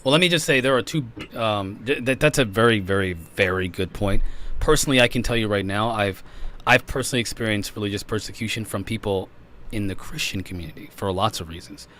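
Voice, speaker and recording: Emphatic low-voiced man debating. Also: brisk, a bit bright, slight background noise. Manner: emphatic, interrupts often. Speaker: podcast panelist. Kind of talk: casual debate.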